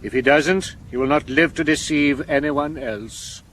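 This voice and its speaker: An actor playing a pompous theatrical gentleman detective. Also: on the high side, measured pace, noisy background, lightly acted. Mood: menacing. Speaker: amateur detective. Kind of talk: 1970s radio drama acting.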